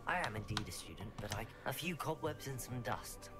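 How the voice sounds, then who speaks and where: A robotic-sounding young wizard student. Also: male voice, lively intonation, fairly quick, bright, forceful tone, soft background music. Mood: polite. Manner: polite, formal. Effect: pitch-shifted, robotic-sounding. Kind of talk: video game character voice preview.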